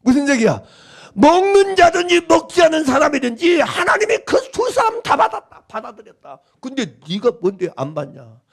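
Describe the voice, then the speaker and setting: A male pastor in middle age preaches a Sunday sermon, his voice unusually high and gravelly. He swings his pitch widely as he drives each point home. He keeps asking the congregation whether they understand. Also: big pitch swings, moderate pace. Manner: emphatic, repetitive, questioning the congregation.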